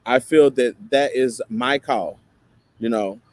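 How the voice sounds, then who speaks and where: A man's voice: mid-range voice, slow, no room sound. Man with an East Tennessee Appalachian twang. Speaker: show co-host. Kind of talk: casual, conversational talk show chat.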